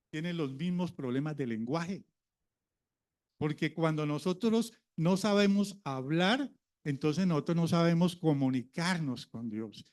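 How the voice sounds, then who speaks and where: A man's voice: on the high side, darkish tone. A man preaching a sermon, a pastor who talks in a conversational way and keeps asking the congregation questions.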